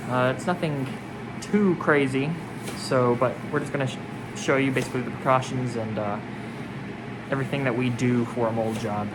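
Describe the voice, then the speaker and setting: A man's voice: mid-range voice, normal speed. A man giving a casual, informal walkthrough vlog of a work site, his voice muffled behind a protective mask. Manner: informal, addressing viewers directly. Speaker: vlogger showing a mold remediation job. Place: indoors at a house under mold cleanup. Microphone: handheld camera, later on selfie stick. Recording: very noisy handheld recording, loud machinery hum. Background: loud air scrubber and ventilation noise.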